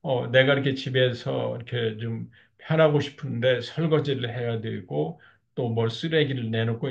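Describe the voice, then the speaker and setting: A man's voice: mid-range voice, creaky, lo-fi sound. A man lecturing on marriage counseling, explaining steadily with frequent filler words. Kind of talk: lecture on couple communication.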